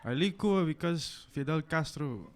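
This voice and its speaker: A male comic putting on a Cuban immigrant character with a Cuban Spanish accent and broken, halting English in a stand-up bit. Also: fairly high pitch, animated, pitched above the performer's own voice, natural voice. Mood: playful. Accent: put-on Cuban Spanish accent. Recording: noisy live room recording.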